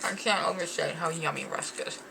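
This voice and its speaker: A woman's voice: fairly low pitch, a little fast, creaky, background noise. A woman hosting a casual snack-tasting vlog, chatting eagerly, reading package blurbs aloud and talking while chewing. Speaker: snack review host.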